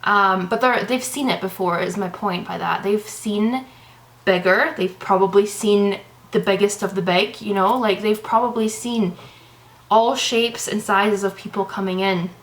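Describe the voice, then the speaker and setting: The audio is poor on this camera-mic clip of a young woman from Canada, a vlogger chatting casually to the lens. Her medium-pitched voice is unhurried, and she comes across as out of breath, rambling and reassuring.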